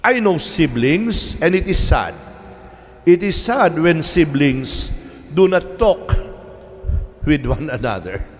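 Slow Filipino priest preaching in an echoing church. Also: male voice, fairly high pitch, sing-song, a little hiss or hum. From Philippines. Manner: slow, deliberate preaching with repeated key words. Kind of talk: sermon. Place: large church sanctuary. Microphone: stand mic at a lectern. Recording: church reverb from a live stream.

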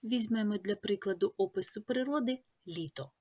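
A woman teacher with a Ukrainian accent, reading a scripted lesson in a measured way and listing words one by one. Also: medium pitch, darkish tone, slight background noise.

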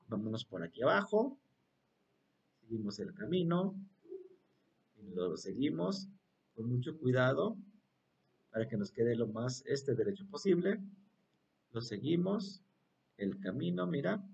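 A man's voice: mid-range voice, vocal fry, darkish tone, husky, far from the mic. A man teaching English to young children in an online class, cheerful and coaxing, asking them to repeat words after him.

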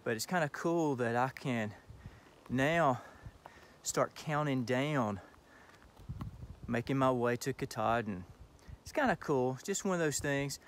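A man's voice: mid-range voice, lively intonation, unhurried. A middle-aged man talks cheerfully into his phone at arm's length while walking a wooded trail. His voice sits in an ordinary middle register, chatty and self-encouraging. A faint outdoor hiss runs underneath. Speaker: thru-hiker vlogger. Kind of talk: casual selfie vlog.

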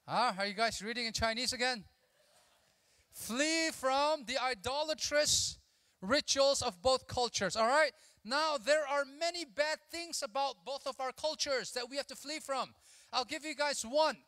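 Youth-conference preacher, thirties, male. High, bright voice, lively call-and-response delivery into a handheld mic, with a long reverb tail from the hall. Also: measured pace, clean studio sound. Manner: animated, mixes English with his own language, drills the crowd with call-and-response. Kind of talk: energetic sermon to a youth audience. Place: large church auditorium stage.

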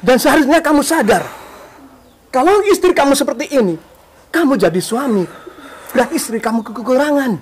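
A man's voice: very high voice, lively intonation, brisk, long pauses, slight background noise. A man playing a stern father who scolds the husband and his own son. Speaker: the lover's father. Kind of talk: amateur village drama acting.

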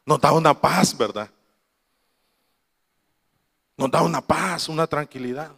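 A man preaching to his congregation in a high voice, with lots of reverb trailing after each phrase. He tells stories and acts out the people he quotes, with laughing asides in between. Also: a little slow, vocal fry, a bit bright, breathy edge. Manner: storytelling, quoting his mother, laughing asides. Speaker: pastor. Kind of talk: sermon.

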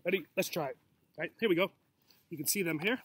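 A teacher in his forties reads a picture book to young children out in a grassy yard, keeping his words simple and encouraging. He talks fast in a high, slightly bright voice with a breathy edge, captured by a camera or laptop mic roughly an arm's length off.

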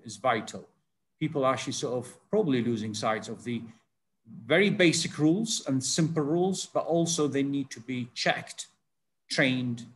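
A man's voice: mid-range voice, slight background noise. An older man speaking on a video call panel as a food safety consultant, rambling with many fillers and restarts.

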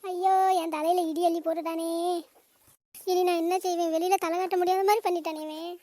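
A woman's voice: very high-pitched, flat delivery, racing, no echo. A woman voicing a scolding, melodramatic middle-aged mother in a cartoon family drama. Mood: wailing. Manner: nagging, melodramatic.

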